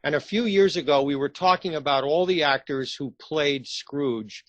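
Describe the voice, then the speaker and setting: Here a man, the director of a radio theatre company, acts as interviewer, chatting casually and tentatively working through his questions. He speaks at a moderate pace in a slightly high voice, with no echo on the recording.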